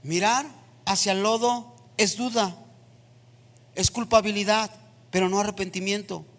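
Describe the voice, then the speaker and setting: A man preaching a sermon in a church, building into impassioned, near-shouted passages. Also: sits high, fairly even intonation, measured pace. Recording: long reverb of a church hall.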